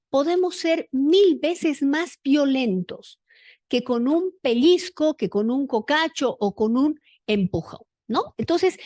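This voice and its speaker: Lively high-voiced woman lecturing. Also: no room sound. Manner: lively, asks the audience rhetorical questions. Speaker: conference speaker. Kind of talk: lecture at a congress.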